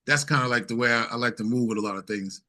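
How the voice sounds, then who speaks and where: Medium-pitched, bright and forceful, a singer-songwriter from New York, United States, talks casually as an interview guest. He thinks out loud in a halting way, with repetitions throughout.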